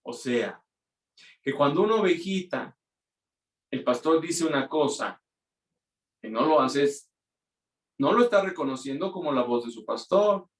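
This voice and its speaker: A man's voice: a little high, animated, a little slow, long pauses. Guy pastor giving a sermon, talky, voices other people sometimes, echoey room, mic kinda far. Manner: conversational preaching with quoted asides. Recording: roomy echo, mic from afar.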